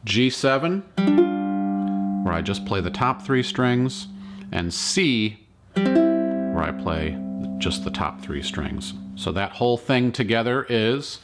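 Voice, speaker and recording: A man walks through a ukulele lesson at an unhurried pace, calmly naming frets and strings one at a time. His pitch sits at an ordinary middle, and his instrument plays loudly under and around his words. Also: over loud music. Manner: slow, patient instructions between sung demo lines. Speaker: ukulele teacher. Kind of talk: step-by-step music tutorial.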